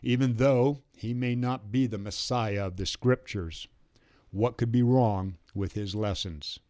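An earnest male guard pleads his case with steady conviction, as a narrator puts him on. The voice stays low and slow, with a serious edge. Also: close to an everyday voice.

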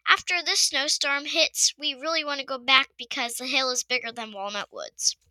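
A woman's voice: sits high, moderate pace, pushed and bright, no room sound, poor audio. A woman with a New York accent hosting a casual podcast, giving a chatty, upbeat family update with playful asides. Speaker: podcast host.

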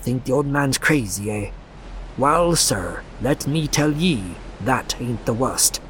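A man's voice: mid-range voice, lively intonation, slow, fairly bright tone, slight background noise, poor audio. A man voicing a crazed, terrified old harbor drunk in a storybook reading, ranting in a rustic old dialect. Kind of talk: audiobook character voice.

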